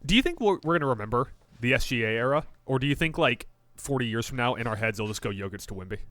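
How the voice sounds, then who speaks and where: A man's voice: medium pitch, quick pace, no room sound. A man co-hosting a sports podcast in casual, joking chat, often restarting his sentences. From Japan. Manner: animated, joking, trails off in restarts. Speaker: podcast co-host.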